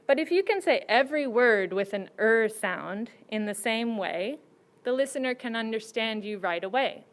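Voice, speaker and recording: A woman judge giving prepared, teacherly advice to students in a slow and deliberate way. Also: fairly high pitch, lively intonation.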